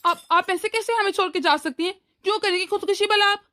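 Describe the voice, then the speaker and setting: Woman doing an anxious young cartoon husband caught in the middle, high-pitched and pleading. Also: fairly quick, fairly bright tone, slight background noise. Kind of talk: cartoon voice acting.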